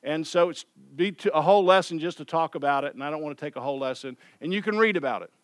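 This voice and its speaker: A man's voice: on the high side, fast, dry recording, clean studio sound. A man preaching a sermon in a loose, conversational way, often repeating and restarting phrases. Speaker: pastor.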